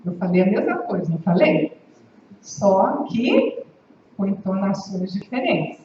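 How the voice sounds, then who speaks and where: A woman's voice: medium pitch, big pitch swings, a little slow, mellow. A woman giving a conversational university lecture, often checking in with her listeners. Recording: echoey hall, distant, dull, faint hiss.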